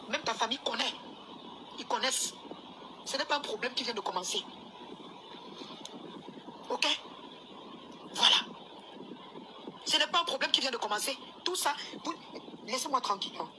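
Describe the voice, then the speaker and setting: A woman's voice: high-pitched, background noise. A woman ranting insistently in a live video, repeating herself as she scolds. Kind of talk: angry live video rant.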